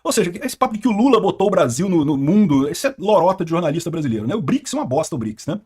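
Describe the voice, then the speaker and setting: A man's voice: high-pitched, big pitch swings, racing, a little mellow, husky. A Brazilian man hosting a political react video, commenting with indignant, scornful remarks. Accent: Brazilian Portuguese. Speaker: channel host reacting to news clips.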